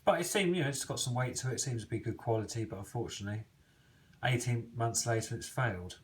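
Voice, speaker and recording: A DIY mechanic vlogger works on a repair while giving casual, self-deprecating how-to commentary, thinking aloud with frequent ums. He speaks fast at medium pitch with a breathy edge, and the recording is rough.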